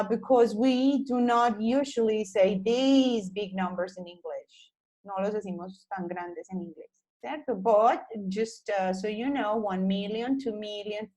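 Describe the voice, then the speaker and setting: Slow, high-voiced teacher. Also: female voice, darkish tone, poor audio. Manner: slow, careful modeling of English pronunciation, switching to Spanish; affectionate with students. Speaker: English teacher. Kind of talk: recorded online class.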